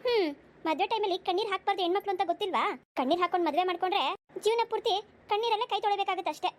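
A haughty middle-aged mother-in-law from a cartoon, played by a woman, scornful and always lecturing. Her voice sits very high and her words tumble out at a rapid clip. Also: a little hiss or hum. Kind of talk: cartoon voice acting.

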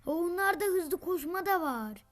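A woman host giving gameplay commentary, taunting her opponents and breaking into frustrated shouts. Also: lively intonation, moderate pace. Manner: trash-talking, taunting opponents; bursts into frustrated high shouts. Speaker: gaming channel host.

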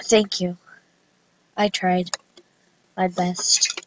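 A woman's voice: on the low side, level tone, extremely slow, lo-fi sound, noisy background. A woman giving casual, playful commentary while playing dress-up games at a computer. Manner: giggly, playful, chatty. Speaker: gameplay vlogger.

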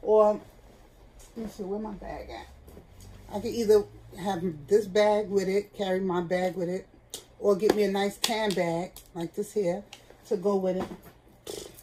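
A woman's voice: medium pitch, steady tone, unhurried, long pauses, mellow, slight background noise, rough recording. Chatty middle-aged woman vlogger. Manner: chatty and candid, talks straight to viewers. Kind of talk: casual chat. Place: at home, seated indoors.

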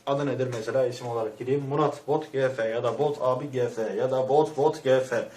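A man's voice: mid-range voice, steady tone, fast, darkish tone. A man giving a rambling, crude, mock-serious comic rant, short of breath and muffled by a mask. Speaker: vlogger.

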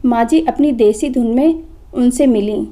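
A woman's voice: fairly high pitch, measured pace, warm tone, natural voice. A woman voicing a haughty, status-conscious young wife who talks down to her mother-in-law in a storybook reading. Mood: scornful. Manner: scolding, dismissive.

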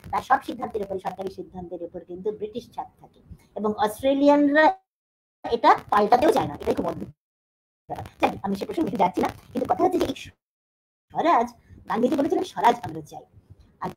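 Animated woman professor lecturing. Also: fairly high pitch, a little hiss or hum, low-quality recording. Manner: animated explaining, frequent fillers and restarts.

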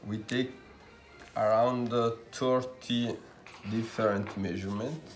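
A young man with an Italian accent gives a casual tour of his tailoring workshop, pausing often with "uh" fillers, recorded on a visitor's handheld camera in an indoor workshop. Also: on the low side, fairly even intonation, soft background music. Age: young adult. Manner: halting, with frequent "uh" fillers. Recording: roomy workshop, faint ambience.

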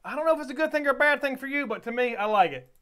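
A man's voice: very high-pitched, expressive, racing. A man hosting a music reaction video, talking in a folksy, rambling, easygoing way. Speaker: music reaction channel host. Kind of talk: casual reaction commentary.

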